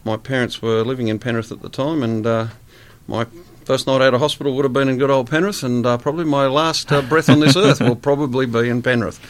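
An Australian man in his sixties, a guest chatting in a relaxed interview, rambling with many fillers. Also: medium pitch, brisk. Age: 60s.

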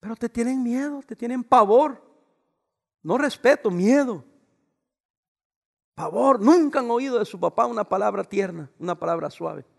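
Man, pastor, fifties, high voice, gravelly edge, loud preaching then hushed asides. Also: lively intonation, normal speed, long pauses. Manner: preaching with raised voice, swinging to soft asides. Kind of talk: sermon. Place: church. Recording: long reverb of a church hall.

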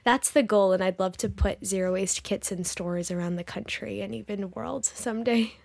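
A woman's voice: medium pitch, moderate pace, creaky, a little mellow, no echo. A woman in her twenties, a podcast guest, talking in an upbeat and earnest way with frequent fillers. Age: 20s. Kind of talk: casual interview chat.

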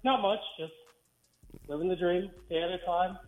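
A man's voice: high-pitched, moderate pace, faint music behind. A man calling into a sports radio show, his voice coming through a tinny phone line that sounds like it is inside a tin can. He lays out his argument point by point. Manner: analytical, builds a case point by point. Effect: tinny phone line, like talking inside a tin can. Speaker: caller. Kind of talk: sports call-in analysis.

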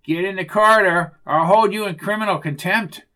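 A man's voice: sits high, moderate pace, pushed and bright, voice pushed up. A man voicing Bucky, a self-important campus security guard who talks in stiff jargon. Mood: officious.

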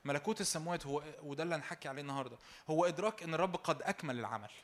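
A man's voice: fairly high pitch, racing. A young man preaching a sermon with an Egyptian Arabic accent, fervent and repetitive, raising his voice in exhortation and slipping in joking asides.

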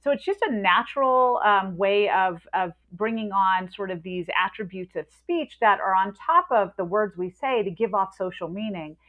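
Woman academic guest, animated explainer, phone-quality audio. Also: mid-range voice, normal speed, hardly any pauses. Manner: lively, explains with spoken examples. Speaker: linguist and author guest. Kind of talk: explanatory interview talk. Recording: tinny phone-like line.

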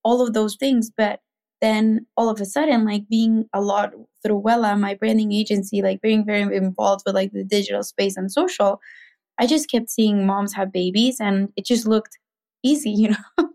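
A business founder from Mexico City, with a Mexican accent, guests on a casual podcast and talks chattily, full of "like" and "you know." Her medium-pitched voice has a darkish tone, fairly even intonation, and normal speed.

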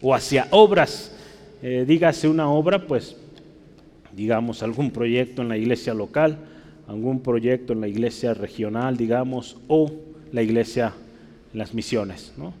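With a mid-range, darkish voice and a measured pace, a man preaches as a pastor, teaching and often pausing to ask his congregation whether they follow. The sound carries a long hall reverb.

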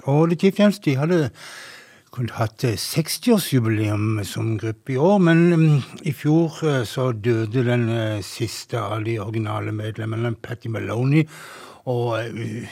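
Male radio host, unhurried and slightly husky, introduces records with halting pauses. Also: on the low side, darkish tone. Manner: hesitant, with frequent filler sounds. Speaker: radio music presenter. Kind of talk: casual radio music presenting.

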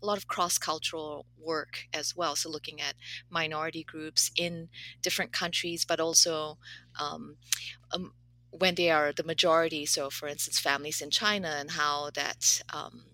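A woman with a low, bright, crisp voice speaks as a guest in a casual interview. She is a professor from Malaysia and Canada who talks thoughtfully, pausing often on fillers. The sound is dry and close. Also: steady tone, no room sound, low-quality recording. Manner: thoughtful, hesitant, many fillers.

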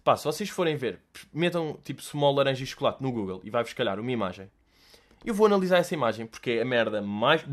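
Young Portuguese male host, mid-pitched, casual and jokey, slang-heavy, swears freely. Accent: European Portuguese. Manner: animated and joking, with lots of slang and swearing. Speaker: podcast host answering listener questions. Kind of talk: casual solo chat.

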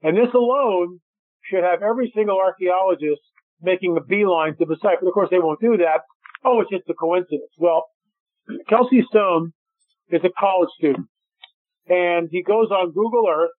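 A man telling stories in a radio interview, animated, acting out what people said. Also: high voice, normal speed, no echo. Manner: animated storyteller, acts out quotes. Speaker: guest filmmaker. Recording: dry tinny phone line.

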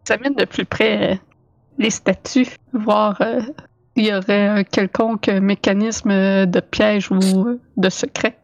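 A woman's voice: mid-range voice, fairly even intonation, unhurried, gravelly, muffled recording. A woman, playing a tabletop game and stating her character's actions hesitantly. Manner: hesitant, with fillers. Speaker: player.

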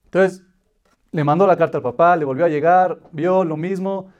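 Man, high voice, religious lesson, patient explaining, repeated listed phrases. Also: normal speed, muffled recording. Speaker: Torah teacher. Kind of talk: religious lesson with a told parable.

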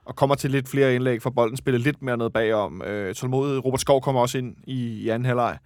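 A man's voice: medium pitch, steady tone, darkish tone, no echo, clean studio sound. A man hosting a casual fan chat about a football match, rambling and correcting himself as he goes. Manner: chatty, rambling, self-correcting. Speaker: football podcast host.

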